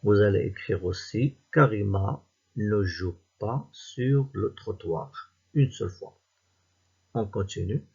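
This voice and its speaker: A man with a Moroccan French accent, reading a worksheet aloud to young pupils as their teacher, slowly and deliberately, word by word. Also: lowish voice, creaky, dark tone, husky, muffled recording. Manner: slow and deliberate, reading words and syllables one by one. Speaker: primary school teacher.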